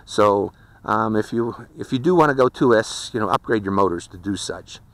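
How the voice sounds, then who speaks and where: A man's voice: fairly low pitch, moderate pace, vocal fry, no echo. Chatty man giving a folksy hobby review. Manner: chatty, folksy, with fillers and laughs. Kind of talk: casual product review and flight commentary. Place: outdoors during flight.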